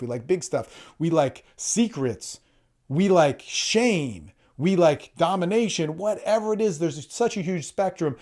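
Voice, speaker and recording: A man who is a podcast host and coach talks solo, blunt and profane, frequently restarting words and acting out quotes. His voice is a little high and a little mellow.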